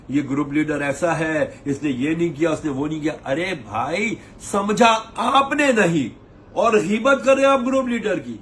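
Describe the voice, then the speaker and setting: A man's voice: high voice, fairly bright tone, a little hiss or hum. A man, a tour operator lecturing pilgrims to camera in a preachy, scolding way, mimicking their complaints. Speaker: umrah tour operator giving advice. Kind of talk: advice talk to camera.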